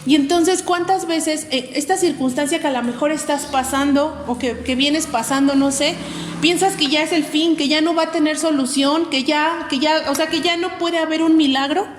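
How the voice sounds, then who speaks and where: A woman's voice: sits high, fairly even intonation, moderate pace, a little hiss or hum. A woman preaching to young people in an earnest, conversational way, full of fillers. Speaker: youth preacher. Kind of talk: youth sermon. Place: church hall. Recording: echoey hall with faint ambience.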